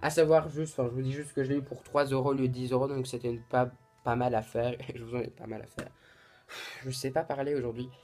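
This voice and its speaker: A man's voice: medium pitch, darkish tone. A man chatting to camera about books he bought, talking in a casual and hesitant way with many restarts. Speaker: booktuber. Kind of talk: casual book haul vlog.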